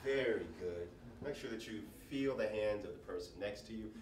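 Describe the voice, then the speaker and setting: A man leading a workshop, coaching a group through breathing and voice warm-ups with short encouraging prompts, often checking in with "right?". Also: on the low side, normal speed. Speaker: workshop leader. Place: large room with an audience. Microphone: handheld mic, off-mic at times. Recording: echoey room, distant mic, audible noise.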